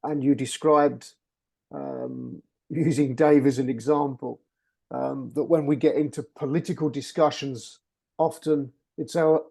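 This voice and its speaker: A man with a fairly high-pitched, dark-toned voice interviews a channeler in a reflective spiritual conversation. He searches for his words and often repeats himself.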